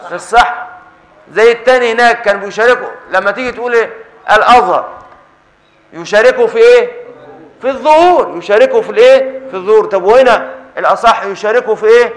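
A man's voice: high-pitched, quick pace, low-quality recording. A man with an Egyptian Arabic accent teaching Islamic jurisprudence, explaining a text and constantly quizzing his students for the answers. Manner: constant call-and-response questioning of students. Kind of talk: classroom lesson explaining a text.

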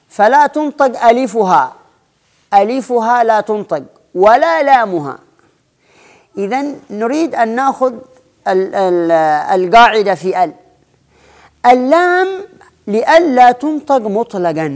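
A man's voice: extremely high pitch, a little mellow. A man giving a spelling lesson, explaining rules patiently, stretching out example words and restarting his phrases. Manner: slow, deliberate, drawn-out example words, frequent restarts. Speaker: Arabic spelling teacher.

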